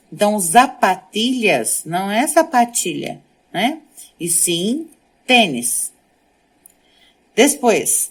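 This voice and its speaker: In a mid-range voice, a woman whose first language is Portuguese teaches Spanish. She reads sentences out loud, then translates them and explains what they mean.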